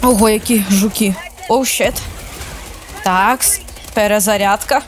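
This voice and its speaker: A woman streamer chatting casually while playing a shooter for the first time, excitable, squealing and laughing at surprises. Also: medium pitch, unhurried. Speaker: gaming streamer. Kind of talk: casual let's-play commentary.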